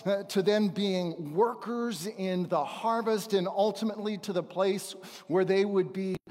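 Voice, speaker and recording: A middle-aged man speaking as a visiting preacher, giving a church testimony in a halting, conversational way with pauses for emphasis. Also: high-pitched, a little mellow. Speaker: visiting preacher and missionary trainer. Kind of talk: church testimony, sermon to a congregation. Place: large church auditorium, speaking from a stage. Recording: reverberant hall sound.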